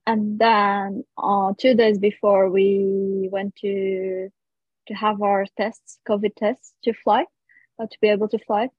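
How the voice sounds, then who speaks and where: A woman from Portugal with a Portuguese accent, a missionary appearing as a guest, casually tells her own story. Her medium-pitched voice is husky, slow and flat in delivery. The lo-fi recording sounds roomy and dull.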